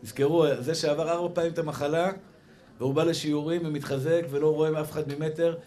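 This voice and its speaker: A middle-aged man preaching to a live audience as a rabbi, lively and playful, acting out the people in his stories. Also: on the high side. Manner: lively, playful, acts out quoted people, shifts between loud and hushed.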